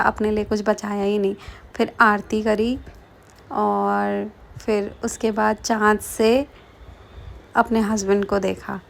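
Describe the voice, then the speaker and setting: Young woman from Kumaon, casual vlog narration, chatty, middle pitch. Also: vocal fry, slight background noise. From Kumaon, Uttarakhand. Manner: chatty, frequent fillers, laughs while telling. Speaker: vlogger.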